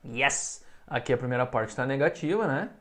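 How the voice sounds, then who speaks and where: Man teaching English, slow repeated phrases. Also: medium pitch, lively intonation, a bit bright. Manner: explains in Portuguese, models English phrases slowly for repetition. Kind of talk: recorded online English lesson.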